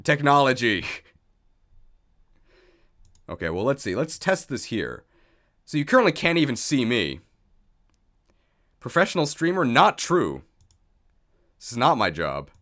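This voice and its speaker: A man's voice: mid-range voice, very animated, a little slow, pauses often, a bit bright. A man hosting a livestream, chatting casually and thinking aloud in a jokey, self-deprecating way. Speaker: streamer, video host. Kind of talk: casual livestream chat while setting up.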